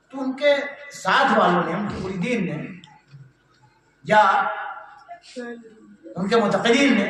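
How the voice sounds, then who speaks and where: A man preaching a sermon and telling a story to a gathering, at times chanting verse and raising his voice to a shout. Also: distant mic, slight background noise. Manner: rising into chanted, shouted verse, then dropping to a low telling tone. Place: religious gathering hall. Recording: echoey hall, voice from afar.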